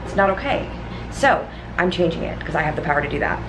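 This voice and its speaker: A woman's voice: low voice, expressive, fast, noisy background. A woman in her thirties talking straight to viewers in a casual fitness vlog, earnest and emphatic, filming at arm's length. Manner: earnest, emphatic, addresses viewers as "you guys". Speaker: fitness vlogger. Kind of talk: casual vlog talk to camera. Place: apartment and gym. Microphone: handheld camera at arm's length.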